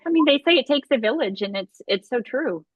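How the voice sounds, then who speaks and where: A woman's voice: high-pitched, lively intonation, fairly quick, husky, no echo. A woman hosting an interview in a conversational way, responding to her guest and leading into questions. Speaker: podcast host, interviewer. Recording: dull, dry lo-fi sound.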